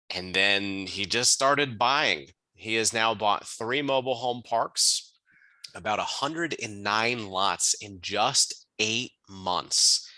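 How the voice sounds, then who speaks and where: A man's voice: fairly low pitch, pushed and bright, no room sound, rough recording. A man hosting a podcast, introducing and interviewing his guest in an upbeat, hyped-up way. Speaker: podcast host.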